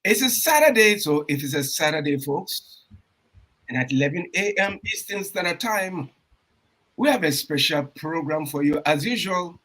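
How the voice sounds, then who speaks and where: A man hosts an online talk radio show with a slightly raised pitch and a husky, rough edge to his voice. He talks emphatically, repeating phrases and rising into loud bursts of enthusiasm as he welcomes listeners. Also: expressive, moderate pace. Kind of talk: energetic radio show intro and interview. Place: Toronto.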